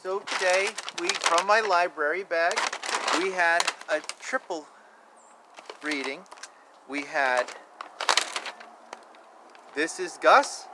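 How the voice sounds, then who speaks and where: A man's high voice holds a steady tone as he reads slowly to young children from a picture book, leaving long pauses. Still playful and chatty, he adds exclamations and asides and elongates words for emphasis. Faint outdoor background noise is audible, since he's outside.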